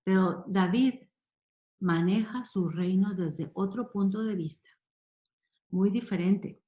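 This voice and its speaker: Woman, Bible teacher. Unhurried, emphatic, asks her listeners questions. Echoey room. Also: medium pitch, warm tone. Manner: reads verses then explains them with emphatic questions.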